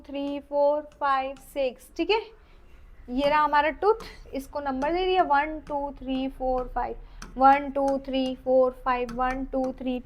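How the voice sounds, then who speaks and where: A woman with an Indian accent teaching a dental anatomy lecture. She reads English lines slowly, then explains them in Hindi with questions to the class, and counts teeth aloud under her breath. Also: high voice. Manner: counts teeth aloud while drawing, trailing off softly. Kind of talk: exam-oriented lecture.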